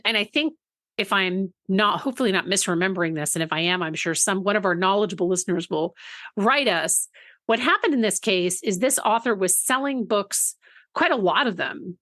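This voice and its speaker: A woman's voice: medium pitch, expressive, normal speed, a bit bright, dry recording. Woman podcast co-host, casual chatty delivery, often restarts sentences, dry close mic. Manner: chatty, self-correcting, laughs easily.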